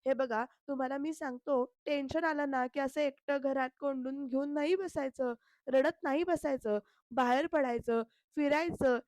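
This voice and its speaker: An earnest young man who pleads his case and coaxes a friend, read out by a woman recapping a serial. The voice sits high. It sounds close and dry. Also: fairly even intonation, moderate pace, darkish tone, no echo, natural voice. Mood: coaxing.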